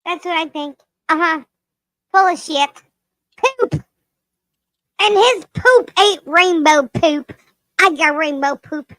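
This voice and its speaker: A very high, sharp, loud cartoon lemur, with a piercing childlike edge. The creature is cheeky and crude, talking slowly and playfully in improvised live comedy, recorded very dry. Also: female voice, no room sound, exaggerated voice. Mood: mock-indignant. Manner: playful, giggly, potty-mouthed.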